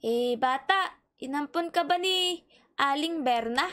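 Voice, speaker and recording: A woman's voice: sits high, unhurried. A woman, cheerfully commenting while playing a game with friends. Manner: excitable, cheery, giggly. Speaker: gaming channel host.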